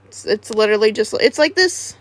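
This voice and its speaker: A woman streamer in casual livestream chat, rambling and halting with many restarts. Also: a little high, lively intonation.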